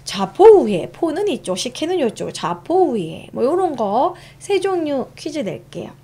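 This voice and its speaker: Young woman streamer doing a chatty history lesson, kinda high voice, bouncy up and down pitch. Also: sing-song, moderate pace, dark tone. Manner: chatty, reads out and reacts to chat. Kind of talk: casual live-stream lesson.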